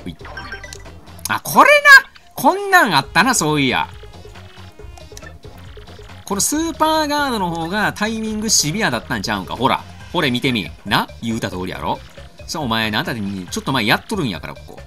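A man with a Kansai accent commentates on a game, joking crudely and getting excited. His voice is bright and swings widely in pitch. Game music plays faintly underneath. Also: quick pace. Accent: Kansai Japanese. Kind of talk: let's-play commentary.

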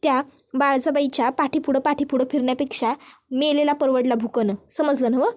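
A furious middle-aged mother from a TV serial, retold in a recap, as a woman narrator voices her. She scolds loudly in a high voice. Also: fairly even intonation, brisk, close to an everyday voice. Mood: ranting. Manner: loud, scolding.

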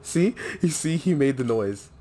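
A young man giving chatty, excitable gameplay commentary and talking to the characters on screen. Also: medium pitch, measured pace, faint music behind. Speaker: let's play host.

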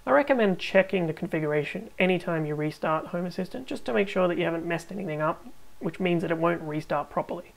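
Low, gravelly woman explaining step by step. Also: quick pace, poor audio. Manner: calm step-by-step instruction. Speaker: tech tutorial host. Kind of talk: screen-recorded tutorial narration.

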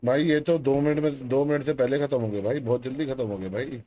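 A man's voice: mid-range voice, steady tone, quick pace, warm tone. A man from India streaming a police role-play game, giving orders in casual banter with crude swearing.

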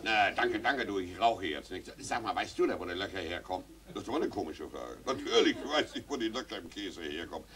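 A man's voice: low voice, animated, fairly quick, hardly any pauses, fairly bright tone, pitched below the performer's own voice. A man voicing a condescending know-it-all uncle in a comic stage reading. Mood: smug. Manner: condescending, self-assured.

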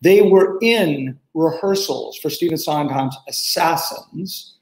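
Upbeat older host in a roomy studio. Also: male voice, fairly high pitch, takes it slowly, a little mellow. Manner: upbeat, effusive, repeats words. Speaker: show host. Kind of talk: hosting a video interview. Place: small studio set indoors. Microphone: studio microphone close up. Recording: roomy echo.

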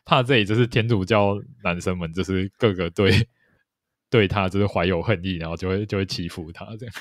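A man's voice: deep voice, a little fast, no echo, studio quality. A man co-hosting a podcast, chatting casually and thoughtfully, often hedging and correcting himself. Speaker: podcast co-host. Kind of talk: casual chat about a TV series.

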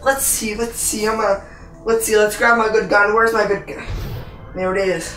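A woman's voice: mid-range voice, steady tone, moderate pace, fairly bright tone, reverberant, far from the mic, faint music behind. A woman hosting a gaming channel, giving playful, rambling commentary on a VR game and playing announcer for herself.

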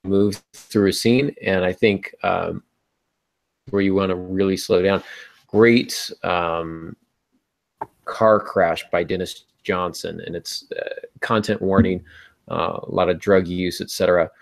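A middle-aged man hosts a casual panel discussion on writing as a podcast host, talking conversationally and thinking aloud. His voice is low, gravelly, steady, and slow, picked up by earbuds on a video call from a small room at home.

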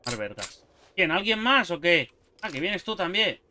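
A man's voice: high voice, unhurried, noisy background. A young man with a Spain Spanish accent giving casual let's-play commentary, swearing and chatting to himself as he plays. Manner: lively, swearing, talking to himself and the game. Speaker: gameplay YouTuber.

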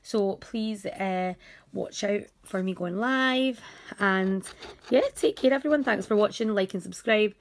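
A woman's voice: medium pitch, measured pace. Chatty woman calling out numbers. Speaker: host of scratchcard videos. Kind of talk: casual vlog commentary while scratching lottery cards. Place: indoors at a table. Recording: home recording with background noise, scratching.

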